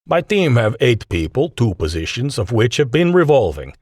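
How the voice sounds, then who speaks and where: A man's voice: medium pitch, sing-song, normal speed, a little mellow, no room sound, clean studio sound. A man voicing a courteous Russian scientist in his mid-fifties, speaking formally with a heavy Russian accent. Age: 50s.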